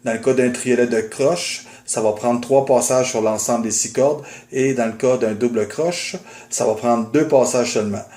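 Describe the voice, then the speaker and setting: Male guitar teacher, mellow voice, methodical, roomy recording with guitar behind. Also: mid-range voice, steady tone, normal speed. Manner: methodical, patient explaining with frequent "euh" fillers. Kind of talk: instructional video. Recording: roomy, with guitar playing in the background.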